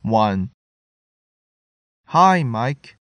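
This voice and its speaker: A man reading English listening-test items clearly and deliberately, repeating each sentence. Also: medium pitch, big pitch swings, fairly bright tone, no room sound.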